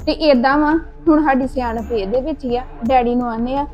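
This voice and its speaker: An assertive young Punjabi daughter-in-law in a family drama, played by a woman. Her voice is very high, and she argues in a reproachful way, with faint music behind. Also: steady tone, brisk, a little mellow, muffled recording, lightly acted. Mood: scheming, worried. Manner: argumentative, reproachful. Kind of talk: amateur family drama acting.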